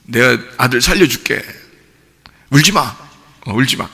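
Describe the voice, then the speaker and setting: A male pastor voicing a gentle man who consoles a grieving widow in a soft, low voice. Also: animated, a little slow, gravelly, slightly rough, full character voice. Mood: consoling. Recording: long reverb of a church hall.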